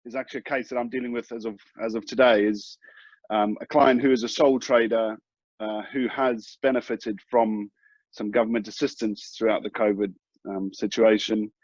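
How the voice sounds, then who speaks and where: A man with a lowish voice gives mortgage advice, hesitant and measured, with many fillers. His audio is dull and lo-fi. The sound is dry and close. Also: little pitch movement, no echo. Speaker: mortgage broker. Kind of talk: casual advice talk.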